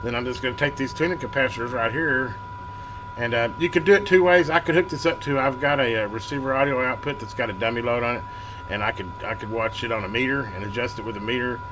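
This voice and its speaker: Talking fast in a medium-pitched voice, this man runs a hobby electronics repair channel and demonstrates a repair hands-on. He explains things step by step in a relaxed, informal way as he works, and background noise is clearly audible.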